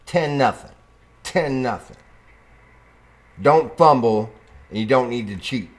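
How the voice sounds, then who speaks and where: A man casually commenting on his own football video game play, chatting to the game and breaking into sudden excited whoops. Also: medium pitch, slow pace. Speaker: gaming YouTuber.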